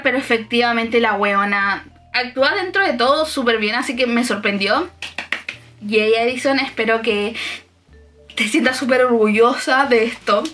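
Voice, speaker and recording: A woman's voice: sits high, pushed and bright. A young Chilean woman vlogging a casual, slang-filled film review, laughing often and acting out lines.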